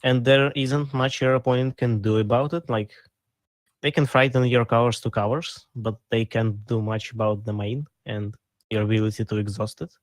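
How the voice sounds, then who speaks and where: A man's voice: mid-range voice, fairly even intonation, moderate pace, dry recording. A man co-hosting a casual card game podcast, explaining in a plain, matter-of-fact way. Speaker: co-host.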